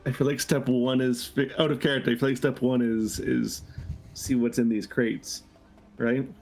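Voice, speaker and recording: A man's voice: mid-range voice, flat delivery, moderate pace, a little mellow, faint music behind, low-quality recording. A man playing a tabletop game, thinking aloud in a tentative way. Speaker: player.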